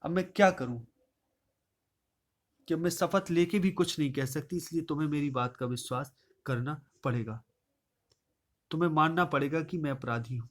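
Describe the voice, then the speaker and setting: Man, teacher, fairly high voice, recites verse then paraphrases, repeats words to explain. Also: normal speed, pauses often. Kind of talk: explaining a Hindi poem line by line.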